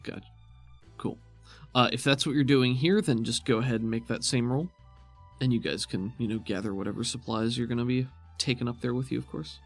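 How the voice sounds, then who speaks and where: A man running a tabletop roleplaying game as game master describes scenes and talks through rulings conversationally. His voice is middling in pitch with fairly even intonation and a fairly quick pace, and faint music plays behind him.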